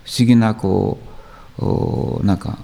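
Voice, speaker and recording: Male teacher, gravelly and warm, reflective and unhurried. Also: fairly low pitch, steady tone. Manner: musing, unhurried, trails off. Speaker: guest teacher.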